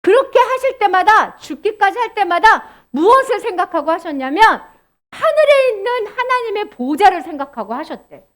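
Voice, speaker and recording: A woman preaches to children in a very high voice. Her pitch swings up and down with animated, sing-song energy. She keeps asking the children questions as she teaches. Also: moderate pace. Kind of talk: children's sermon.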